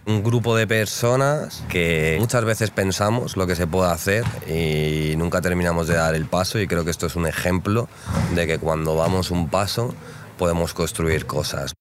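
A man talking casually in an interview at an outdoor court, relaxed and chatty with many fillers. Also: sits low, moderate pace, slight background noise. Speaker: interviewee, league co-founder.

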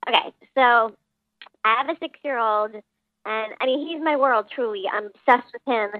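A woman phones in to a radio call-in show with a voice changer disguising her, pushing her voice up into a high register. The line is tinny and dry, like a narrow telephone connection. She talks bluntly and does not apologize. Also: moderate pace, no echo. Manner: blunt, unapologetic. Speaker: caller.

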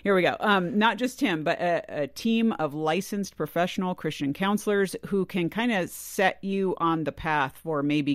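A man's voice: on the high side, no echo. Upbeat male podcast host, dry studio. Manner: upbeat, affirming listener. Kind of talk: podcast hosting.

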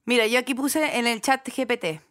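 A woman's voice: a little high, brisk, a bit bright. A woman co-hosting a podcast, chatting playfully and reading chatbot replies aloud. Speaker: podcast co-host. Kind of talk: casual chat.

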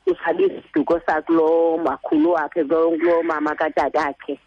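A woman's voice: sits low, sing-song, a little fast, dry recording. A woman with a Xhosa accent, calling in to a radio show to ask questions. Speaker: phone-in caller. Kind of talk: asking questions on a radio phone-in. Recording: dull phone-in line.

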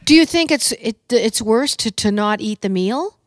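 A woman's voice: fairly high pitch, expressive, moderate pace, dry recording, clean studio sound. Chatty Canadian woman podcast host. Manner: chatty, storytelling with playful asides. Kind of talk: casual chat. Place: home kitchen.

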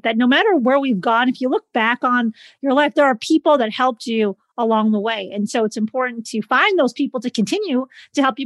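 A woman's voice: a little high, no room sound. A woman hosting an interview show, affirming and encouraging her guest. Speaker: show host.

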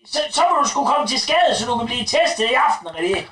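A man playing a crude, rambling, high-voiced mum. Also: sing-song, bright, forceful tone, exaggerated voice. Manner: crude, rambling, talks about herself as "mor". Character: crude gossipy middle-aged mother, bossy and blunt. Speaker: sketch actor. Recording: roomy, distant recording.

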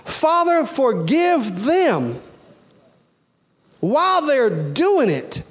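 A man in his forties preaches in an extremely high voice that swoops wildly in pitch, drawing out his words. Folksy and emphatic, he repeats phrases and addresses the congregation directly with questions and urgings.

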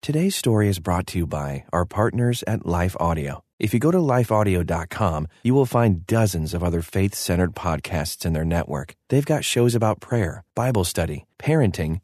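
A man's voice: low voice, very animated, normal speed, few pauses, a little mellow, no echo, clean studio sound. A man hosting a podcast, reading a scripted introduction and sponsor message. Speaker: podcast host.

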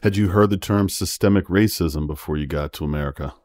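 A man hosting a podcast, a practicing therapist speaking in a calm, measured way. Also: low-pitched, no room sound, studio quality. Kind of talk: scripted intro then interview questions.

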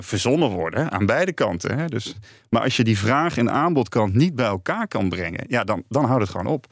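A man's voice: lowish voice, dry recording, clean studio sound. A man being interviewed about his company, talking with many fillers and restarts. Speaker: company founder as guest. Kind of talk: business interview.

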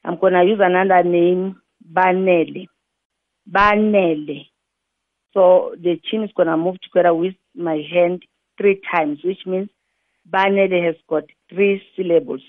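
Woman teacher, patient and methodical, who spells out examples slowly. Lo-fi phone-like sound, dry and close. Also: on the low side, steady tone, no echo. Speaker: English teacher. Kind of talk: explaining grammar rules to learners. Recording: tinny phone-like dry recording.

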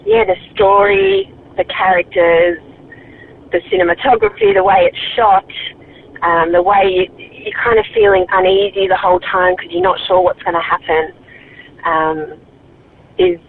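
A woman's voice: medium pitch, sing-song, normal speed, creaky, pauses often. An Australian woman calling in from her car, leaving a hesitant voicemail recommendation over a phone line, with plenty of ums and restarts. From Victoria, Australia. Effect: heard over a phone line. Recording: tinny phone line with faint noise.

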